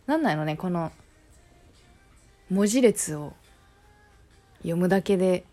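A woman with a Kansai Japanese accent talks alone in an easy, unhurried way. She muses aloud and plays with words, and her voice sits a little low. Soft music plays quietly behind her. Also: expressive. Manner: chatty and playful, musing aloud and counting to test intonation. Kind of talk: casual solo talk, mixing English and Japanese.

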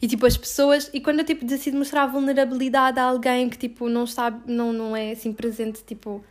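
A woman's voice: fairly high pitch, level tone, quick pace. A woman answering interview questions in a casual, blunt way, full of filler words.

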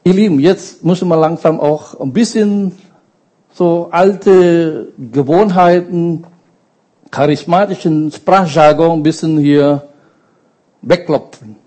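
A man delivering a sermon with a fairly high voice. He speaks slowly and with emphasis, and keeps turning to the congregation with short questions. His delivery is deliberate and earnest. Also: warm tone, poor audio. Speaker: preacher.

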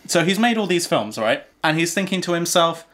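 A man's voice: on the high side, sing-song, brisk, a bit bright. A man co-hosting a podcast in casual chat, wry and rambling as he spins a tale. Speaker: podcast co-host.

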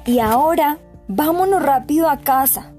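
A woman's voice: high-pitched, normal speed, mellow, faint music behind, voice pushed up, lightly acted. Whiny young girl, as a woman reads her. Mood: complaining. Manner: whiny, complaining. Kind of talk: storybook reading.

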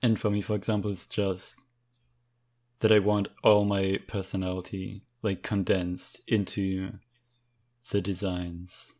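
A man chatting casually on a podcast, slow and laid-back. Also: sits low, little pitch movement, darkish tone. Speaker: co-host.

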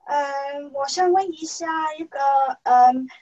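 A woman who is a non-native Mandarin speaker with a foreign accent, asking a question as a student, haltingly searching for words. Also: high voice, warm tone. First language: not Mandarin. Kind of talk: spoken question in an online class. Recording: muffled, distant microphone.

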